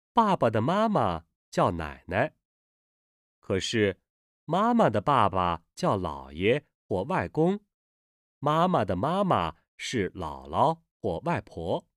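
A man reading a language textbook lesson aloud with slow, careful enunciation of every syllable, recorded in a studio. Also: fairly low pitch, dry recording. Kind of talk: scripted Mandarin lesson reading.

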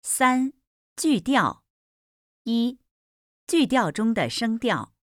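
Drawing out her words, a woman with a slightly high, very animated voice reads sample sentences for a Mandarin pronunciation lesson. She pronounces each one carefully in a slow, deliberate textbook style. The audio is studio quality with no echo.

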